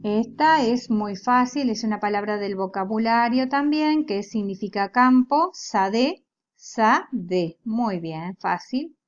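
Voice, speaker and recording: Female language teacher, unhurried and methodical, voice a bit high, muffled lo-fi audio. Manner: slow, patient, explains step by step. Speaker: Biblical Hebrew teacher. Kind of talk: recorded lecture. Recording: dull lo-fi recording.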